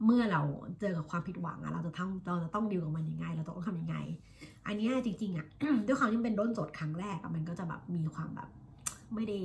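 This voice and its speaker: A Thai woman in her thirties, an English teacher, talking casually about her studies and slowly drilling the pronunciation of English words. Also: fairly low pitch, darkish tone, slight background noise. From Thailand. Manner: chatty, self-reflective, drills words slowly by repeating them. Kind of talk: casual vlog-style lesson.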